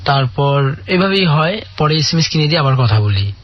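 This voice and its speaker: A man's voice: on the high side, animated, moderate pace. A man calling in to a radio show, earnestly telling a long personal story full of quoted dialogue. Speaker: caller. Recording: dull lo-fi radio audio.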